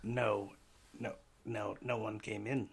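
Bossy, stingy kobold club owner with broken grammar and a low grumble, played by a man. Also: little pitch movement, slow pace, gravelly, slight background noise. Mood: grumbling.

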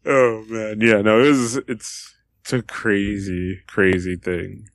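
A young man co-hosting a casual podcast, who tells an animated story full of restarts and laughter. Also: on the low side, slow pace, dry recording. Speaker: podcast co-host. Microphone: podcast microphone.

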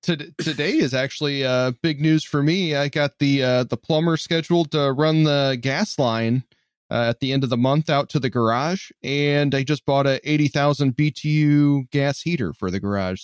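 A man's voice: medium pitch, normal speed, no echo. Easygoing man host, dry close sound. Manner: easygoing, brief responses. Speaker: podcast host. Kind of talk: casual interview.

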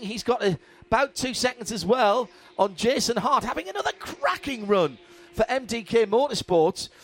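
A man's voice: very high-pitched, fairly bright tone. A man giving live motorsport commentary as an enthusiastic, descriptive race commentator.

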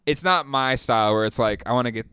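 A man's voice: medium pitch, fast, pushed and bright, clean tone. A man in his thirties co-hosting a casual podcast chat, rambling with lots of fillers. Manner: rambling, filler-heavy, laughs often. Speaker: podcast co-host.

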